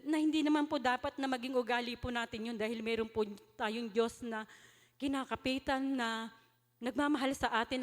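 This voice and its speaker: A woman giving a soft, earnest testimony of thanks at a prayer meeting. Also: on the high side. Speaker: church member giving testimony. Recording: church hall with long reverb.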